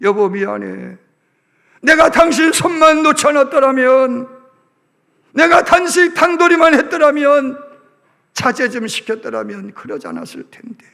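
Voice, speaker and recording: A man voicing a frantic husband who pleads with his wife in a high, strained shout, during a sermon story. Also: lively intonation, measured pace, vocal fry, exaggerated voice. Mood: remorseful. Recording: reverberant church sanctuary.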